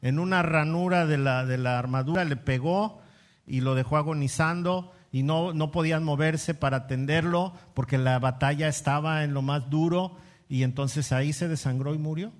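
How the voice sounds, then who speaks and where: A man's voice: fairly high pitch, moderate pace. A man with a Mexican Spanish accent preaching a sermon as a casual, slangy story, asking the congregation questions. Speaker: pastor.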